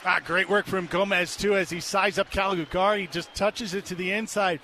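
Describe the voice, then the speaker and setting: A man's voice: sits high, fairly even intonation, moderate pace, pushed and bright, a faint crowd. An American man giving conversational, explanatory colour commentary on a live soccer match, with stadium noise behind him.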